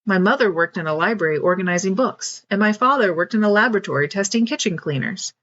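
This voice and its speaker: A woman's voice: medium pitch, expressive, fast talker, fairly bright tone, muffled recording, slight background noise, close to an everyday voice. A woman voicing a shy young girl who is new in town, in a read-aloud storybook. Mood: chatty.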